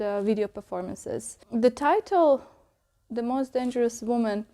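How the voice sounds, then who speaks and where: A young woman from Bosnia, giving reflective interview answers about her art and pausing often to think. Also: fairly high pitch, warm tone. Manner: thoughtful, pausing often with ums.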